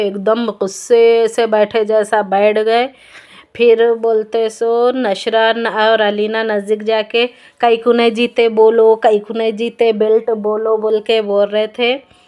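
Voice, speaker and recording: Slow, flat-voiced mother vlogger. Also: a little high. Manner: rambling, repetitive retelling. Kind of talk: casual vlog voice-over.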